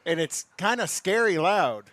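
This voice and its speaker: A man's voice: sits high, big pitch swings, unhurried, fairly bright tone, slight background noise. A man co-hosting a radio show with casual banter and short interjections. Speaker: radio co-host. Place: live remote broadcast.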